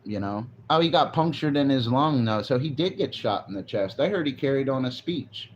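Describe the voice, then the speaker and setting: A man's voice: mid-range voice, animated, moderate pace, dull audio, a little hiss or hum. A forty-year-old man livestreaming, chatting casually and rambling, swearing now and then. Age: 40s. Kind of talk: casual live stream chat. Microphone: phone on a selfie stick.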